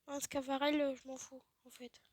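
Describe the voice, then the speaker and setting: High-voiced woman muttering through a game. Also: level tone, normal speed, no echo. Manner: chatty, self-mocking, drops into quiet muttered asides. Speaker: let's play host. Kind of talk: casual gaming commentary.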